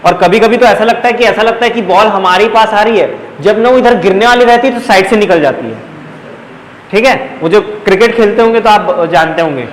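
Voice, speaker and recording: A man's voice: high voice, brisk. A young male teacher with a Chhattisgarhi Hindi accent, coaching a live class by drilling sentence patterns and coaxing his students along in a chatty way. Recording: echoey classroom, faint background noise.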